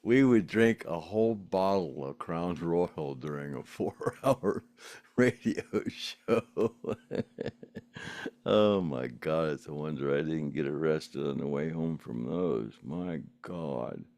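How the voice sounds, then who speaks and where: Speaking slowly in a very deep, expressive, slightly mellow voice, an older podcast host reads out viewer comments and rambles casually. Frequent laughter, filler words, and restarts fill the talk, and there's no reverb on the dry recording.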